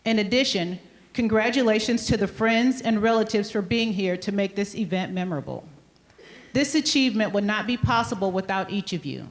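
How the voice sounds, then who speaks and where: A woman principal giving a measured, formal podium speech, reading a scripted ceremonial welcome. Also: mid-range voice, expressive. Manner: formal, measured address to an assembly. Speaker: high school principal.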